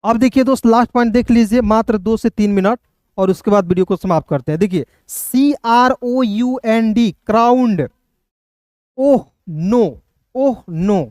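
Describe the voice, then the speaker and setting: A man with a Hindi accent teaching English phonics, spelling words letter by letter and sounding them out slowly. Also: high voice, darkish tone, no room sound, clean studio sound. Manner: slow, repeats words, checks with listeners.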